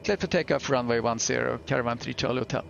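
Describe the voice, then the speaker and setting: A man reading back clearances in clipped pilot radio phrasing, as if over a cockpit headset. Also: mid-range voice, fast, muffled recording, a little hiss or hum. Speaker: flight sim streamer.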